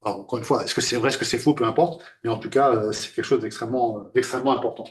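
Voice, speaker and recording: A man's voice: mid-range voice, fairly even intonation, rapid-fire, echoey room. A man giving a classroom lecture, hesitant and full of fillers and restarts.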